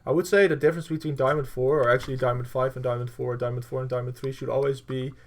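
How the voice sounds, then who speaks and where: A man's voice: medium pitch, steady tone, fast. A man coaching through a gameplay review, blunt and profane, with lots of fillers. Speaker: game coach.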